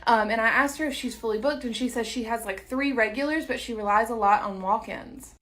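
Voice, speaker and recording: A woman's voice: fairly high pitch, brisk, a bit bright. A young woman chatting through a casual role-play storytime with lots of fillers.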